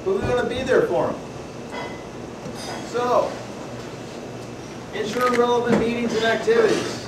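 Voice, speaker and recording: His voice is very high but unhurried as he spins stories for a membership workshop, a loud folksy presenter with a Pacific Northwest accent who keeps questioning the room. Captured from a distance in an echoey meeting hall full of people, the audio carries loud noise.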